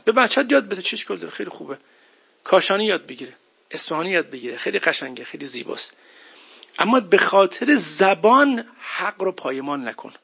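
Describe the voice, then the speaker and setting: Gravelly-voiced man preaching a sermon. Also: on the high side, bright, forceful tone. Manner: emphatic, conversational preaching with rhetorical questions. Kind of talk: religious sermon. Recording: dull lo-fi recording.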